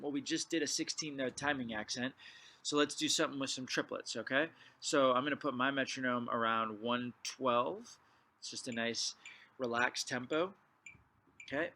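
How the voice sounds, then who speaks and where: A man teaching a drumline clinic, explaining exercises and calling count-offs before he plays. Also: mid-range voice. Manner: counts off loudly before playing. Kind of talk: percussion lesson.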